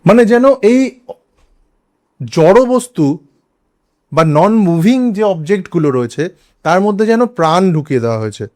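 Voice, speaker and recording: Lively high-voiced Bengali man teaching grammar. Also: a little slow, long pauses. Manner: spells out words letter by letter, asks rhetorical questions. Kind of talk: explanatory grammar lesson.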